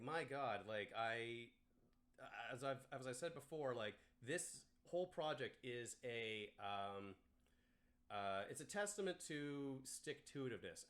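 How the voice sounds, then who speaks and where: A man's voice: medium pitch, fairly bright tone. A man in his thirties, a few beers in, rambling through a stream sign-off with lots of fillers and restarts. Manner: halting, full of fillers and restarts, laughs often. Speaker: streamer and filmmaker.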